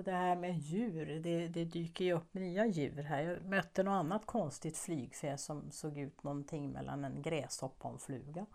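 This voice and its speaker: A woman chatting casually to her viewers, rambling and musing aloud with soft laughs as she talks about daily life. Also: on the low side. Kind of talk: casual vlog chat. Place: living abroad in a warm place.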